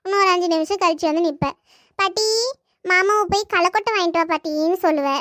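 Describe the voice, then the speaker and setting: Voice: extremely high pitch, steady tone, fast, sharp tone, no echo, clean studio sound. A performer voicing a grumpy, sarcastic grandmother in a family comedy cartoon, scolding and brushing off her grandson. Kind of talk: family comedy skit dialogue.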